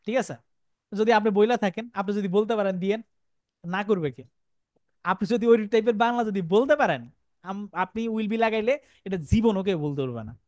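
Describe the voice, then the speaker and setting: A man's voice: sits high, moderate pace, darkish tone, dry recording. A male English teacher giving a classroom lecture, repeating phrases and asking the class questions.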